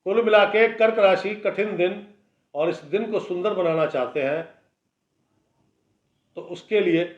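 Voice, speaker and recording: A man with a high, unhurried voice reads the daily horoscope as an astrologer. His manner is blunt and lecturing yet conversational as he warns his listeners, and the audio is echoey, dull and lo-fi.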